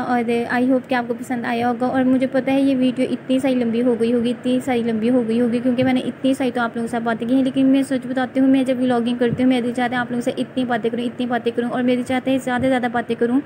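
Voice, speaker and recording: A young Pakistani woman with a Pakistani Urdu accent vlogs from home, rattling off her words quickly in a bright, high voice. She keeps a casual, chatty tone, and a faint hum of the room sits behind her. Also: little pitch movement, low-quality recording. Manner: talks fast on purpose. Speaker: vlogger. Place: home, at a family tea table.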